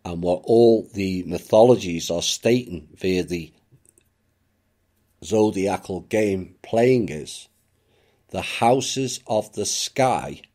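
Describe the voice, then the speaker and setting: A man giving a reflective spoken monologue as a channel narrator, measured and unhurried, with occasional dry asides. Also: low-pitched, mellow.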